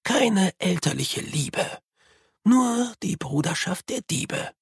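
The reader voicing an old sweeper monk with a wise, quiet temper, speaking slowly and softly in an audiobook. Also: medium pitch, sing-song, creaky, slightly rough, no echo, clean studio sound, pitched above the performer's own voice, heavily acted. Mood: sad.

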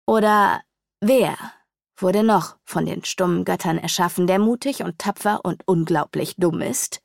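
A woman's voice: lowish voice, unhurried, creaky, no room sound, clean studio sound. A woman reading a sly, sneering male demon magician in an audiobook. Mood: hushed.

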